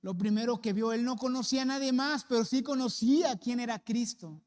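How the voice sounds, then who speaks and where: A man's voice: extremely high pitch, brisk. A man with a Mexican accent preaching a sermon as a pastor, speaking earnestly and appealing directly to the congregation. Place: church sanctuary. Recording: long church-hall reverb.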